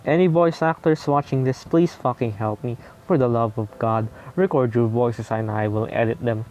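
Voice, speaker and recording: A man's voice: mid-range voice, steady tone, normal speed, a little mellow. A man playing a visual novel, reading its text aloud and breaking off into casual, profane, self-mocking commentary.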